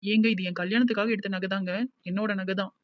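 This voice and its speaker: A voice actor playing a devoted young village woman with a Tirunelveli accent, who talks in a gentle, comforting but insistent way in a cartoon. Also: mid-range voice, steady tone, fast, muffled recording, natural voice. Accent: Tirunelveli Tamil.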